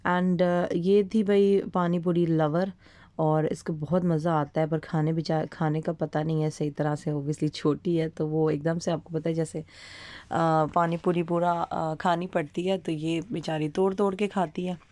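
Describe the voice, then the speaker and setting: Pakistani woman, 30s, vlog voice-over; low, mellow, dry close sound, chatty with fillers. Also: flat delivery, measured pace, no echo. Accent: Pakistani Urdu. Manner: chatty, mixes English phrases, many fillers. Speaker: vlogger. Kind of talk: casual voice-over narration.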